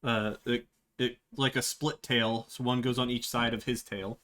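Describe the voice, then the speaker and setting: A man narrating a tabletop game as game master, halting with many fillers and restarts. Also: medium pitch, level tone, fairly bright tone.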